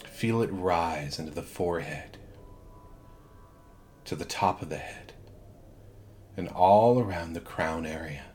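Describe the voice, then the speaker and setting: A man guiding a hypnosis relaxation induction in a soothing, measured way, leaving long pauses between phrases. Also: deep voice, darkish tone. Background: background music.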